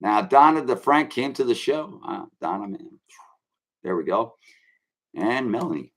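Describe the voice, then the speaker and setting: A man's voice: medium pitch, very animated, a little slow. Brash swaggering man ranting on a stream. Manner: brash, swaggering, addresses viewers as kids. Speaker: online show host. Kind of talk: rambling live-stream rant.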